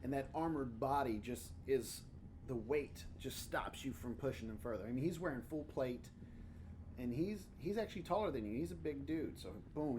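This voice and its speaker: A man's voice: medium pitch, a little mellow. A man speaking as dungeon master, explaining and narrating a tabletop game in an informal, casual way. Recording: faint background noise.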